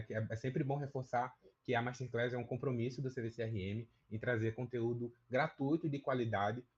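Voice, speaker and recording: A man's voice: mid-range voice, a little mellow, dull audio. A man hosting a live webinar, talking in an upbeat, promotional way as he introduces guests. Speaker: webinar host.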